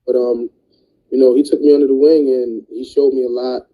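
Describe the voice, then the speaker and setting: Male music producer, interview guest; relaxed slangy delivery, very dark and raspy tone. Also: medium pitch, a little fast, poor audio. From New Jersey. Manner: laid-back, slangy, many "you know what I mean"s. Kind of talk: casual interview talk.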